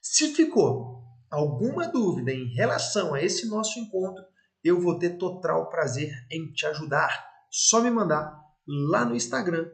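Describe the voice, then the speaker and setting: A man with a Brazilian Portuguese accent giving a casual online investing lesson, energetic and repeating phrases for emphasis. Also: sits high, measured pace, creaky. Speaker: investment educator. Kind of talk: casual online lesson walking through charts.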